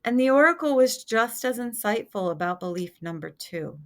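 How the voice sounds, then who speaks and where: A woman's voice: fairly high pitch, animated, moderate pace. A woman hosting her own podcast, talking in an earnest, confessional way in a reflective personal monologue. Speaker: podcast host.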